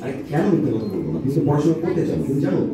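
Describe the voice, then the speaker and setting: Male puppeteer straight man, quick delivery, scolding and explanatory, heard from afar with heavy echo. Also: fairly high pitch, big pitch swings, loud music behind the voice. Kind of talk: comic stage dialogue with a puppet. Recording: very echoey hall, distant mic, audience.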